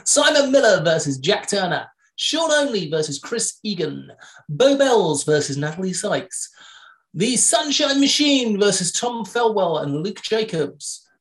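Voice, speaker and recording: A woman's voice: medium pitch, sing-song. Woman co-host reading wrestling match lists. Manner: reads match lists briskly with dry jokes. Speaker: podcast co-host. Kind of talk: casual news roundup.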